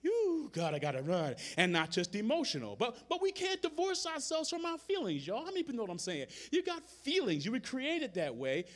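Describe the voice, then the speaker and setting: Lively high-voiced male pastor preaching. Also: brisk, hardly any pauses. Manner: conversational preaching, calls out to the congregation; rhythmic repetition of phrases. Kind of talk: sermon. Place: church sanctuary, live service.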